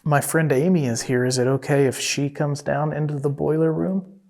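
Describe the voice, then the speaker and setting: Coaxing ghost hunter, mid pitch. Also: normal speed. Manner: calm, coaxing questions to an unseen presence. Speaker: paranormal investigator. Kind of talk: questioning spirits during a night investigation.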